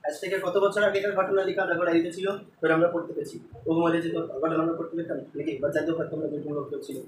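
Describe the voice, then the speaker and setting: A man's voice: a little high, distant mic, background noise. A male tutor teaching an English lesson in a classroom, explaining line by line and quizzing the class. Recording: roomy classroom taped from afar.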